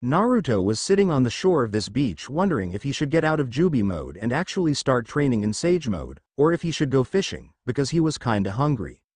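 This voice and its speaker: A man narrating fan fiction in a lively storytelling read. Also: medium pitch, a little fast, hardly any pauses, husky, no echo.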